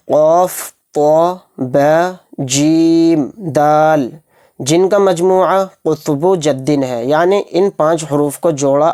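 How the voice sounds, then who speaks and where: A man teaching a Quran reading lesson, who explains quickly and drills syllables slowly. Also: on the high side, mellow. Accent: Pakistani Urdu.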